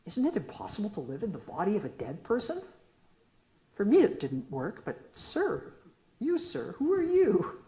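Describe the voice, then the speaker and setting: With wildly swooping pitch around a medium register, the middle-aged poet reads at normal speed in a mellow voice. She is presenting her own work to an audience in an echoey lecture room, mixing a question-and-answer poem with relaxed asides between pieces.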